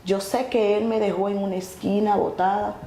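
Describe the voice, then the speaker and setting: A woman telling her testimony earnestly, halting and restarting often. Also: medium pitch, little pitch movement, mellow. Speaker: guest sharing her testimony. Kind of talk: emotional personal testimony. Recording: echoey room with faint noise.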